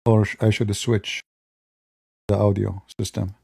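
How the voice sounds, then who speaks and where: In a mellow, relaxed tone, a man rambles through mocking political commentary aimed straight at his viewers, often starting his sentences over. His voice sits on the low side, gravelly with a breathy edge, and moves at a measured pace.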